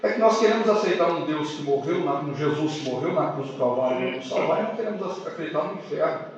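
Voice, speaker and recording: A man's voice: fairly high pitch, lively intonation, fast talker, slight background noise. Preaching man in an echoey distant hall. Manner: preaching with rhetorical questions to the congregation. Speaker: pastor. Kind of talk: sermon. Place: church hall. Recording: echoey church heard from afar, dull sound.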